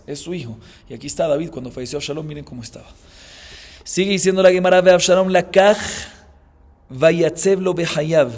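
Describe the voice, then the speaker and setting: A man's voice: a little high, darkish tone, slightly rough, long reverb tail. A man, a rabbi teaching a Talmud class, explaining passages, often checking in with "¿sí?" and chanting the original texts. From Colombia. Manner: explanatory, frequent "¿sí?" check-ins, chants Hebrew and Aramaic passages.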